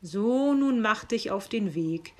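A woman's voice: mid-range voice, lively intonation, slow pace. A woman reading aloud and voicing a grumpy, stubborn old Saint Nicholas who grumbles. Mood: grumbling. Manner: gruff grumbling delivery.

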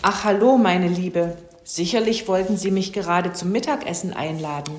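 A woman's voice: on the low side, moderate pace, slight background noise, natural voice. A woman voicing a grumpy, greedy male fox who grumbles and sulks. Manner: grumbling, sulky. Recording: roomy echo.

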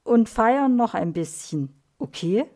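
A woman voicing a calm, fair female carer who speaks gently and soothingly in a storybook. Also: on the high side, slow, exaggerated voice. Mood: gentle.

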